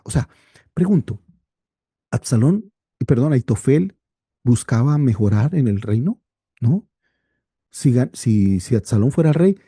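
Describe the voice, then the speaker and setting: A man with a very dark, mellow voice and a husky edge teaches a Bible study, reading passages aloud and asking his listeners rhetorical questions. His low tone has a gravelly fry, and the recording is dry and close. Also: no room sound. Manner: rhetorical questions and drawn-out exclamations.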